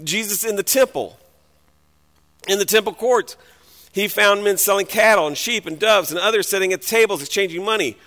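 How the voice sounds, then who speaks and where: A man preaching a sermon and reading scripture aloud, dramatic, swinging between hushed passages and loud outbursts. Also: sits high, normal speed. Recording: long hall reverb.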